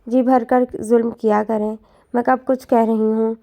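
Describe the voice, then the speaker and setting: Soft-spoken resigned young wife, voiced by a woman storyteller. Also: fairly high pitch, little pitch movement, close to an everyday voice. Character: meek, mistreated young wife speaking softly. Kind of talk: storytelling narration.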